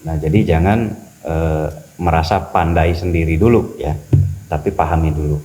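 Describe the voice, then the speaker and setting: A man talking as a spiritual teacher on a podcast, animated and preachy, repeating key phrases for emphasis. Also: very deep voice, moderate pace, soft background music, low-quality recording. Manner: acts out quoted voices. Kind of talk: podcast religious talk.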